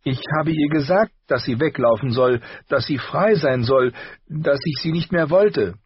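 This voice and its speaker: A man voicing a stubborn, tearful young girl in an audiobook, speaking in a high, strained, husky voice with rushed outbursts. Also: no room sound, dull audio. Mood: ashamed. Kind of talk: audiobook character voice.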